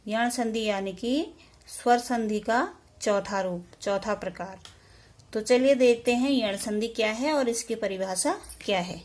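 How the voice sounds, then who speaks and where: A woman's voice: fairly high pitch, darkish tone. A woman teaching a grammar lesson, explaining rules step by step and correcting herself as she goes. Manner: slow, deliberate explanation with self-corrections.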